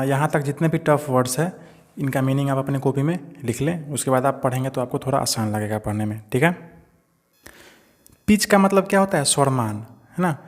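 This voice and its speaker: A male teacher explaining an English lesson in Hindi. He reads English lines slowly, then explains them and keeps checking in with quick rhetorical questions. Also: medium pitch. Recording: long reverb from a hall-like room.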